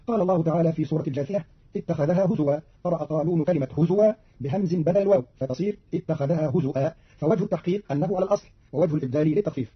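Brisk husky-voiced male radio announcer. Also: fairly high pitch. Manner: brisk, even, formal reading. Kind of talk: scripted explanation of recitation variants. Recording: dull lo-fi radio archive recording.

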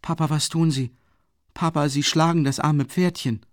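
A man voicing a small frightened boy who pleads with his father in a high voice. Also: steady tone, normal speed, dry recording, studio quality, natural voice. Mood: pleading.

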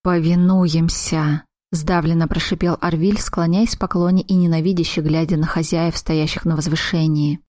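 A woman narrating a first-person fantasy audiobook, voicing each character's lines slowly and deliberately. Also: low-pitched, little pitch movement, a little mellow, no echo, clean studio sound.

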